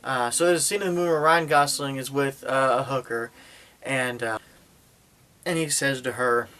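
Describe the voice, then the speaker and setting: A man reviews a film in a loose, chatty way, walking through the plot with frequent hesitations and fillers. His voice is bright and forceful, sitting at an ordinary middle pitch. He drops sarcastic asides along the way. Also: steady tone, normal speed. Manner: rambling retelling with many fillers and sarcastic asides. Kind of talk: casual spoken movie review.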